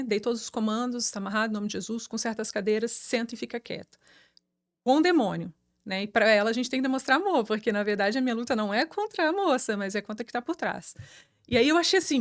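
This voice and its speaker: A woman pastor with a Brazilian Portuguese accent, telling a personal testimony in a lively, chatty way. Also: a little high, no room sound, studio quality. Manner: lively, chatty, many fillers and restarts. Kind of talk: testimony storytelling.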